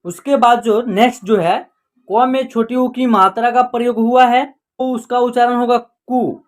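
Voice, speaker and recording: A woman's voice: fairly high pitch, fairly even intonation. A woman teaching Hindi reading online. She explains patiently and repeats herself, drawing out single syllables one by one and often adding the filler "jo hai na". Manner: patient, repetitive, slowly sounding out syllables. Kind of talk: explanatory lesson narration.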